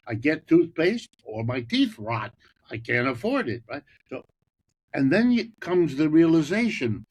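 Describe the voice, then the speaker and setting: A man's voice: on the high side, darkish tone, husky, low-quality recording. An older man from the United States, a guest economist giving a long, emphatic conversational explanation that breaks into restarts.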